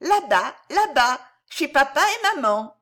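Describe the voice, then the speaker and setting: A woman's voice: high-pitched, sing-song, measured pace, sharp tone, pitched above the performer's own voice, exaggerated voice. A woman voicing a frightened little girl lost in the woods, who talks in childlike broken baby talk. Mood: innocent.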